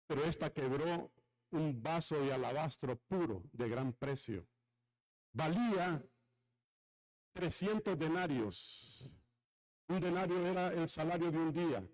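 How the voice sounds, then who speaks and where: A male pastor preaching a sermon, retelling a story with dramatic swings and asking the congregation questions. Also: poor audio. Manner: lively pitch swings from high to low.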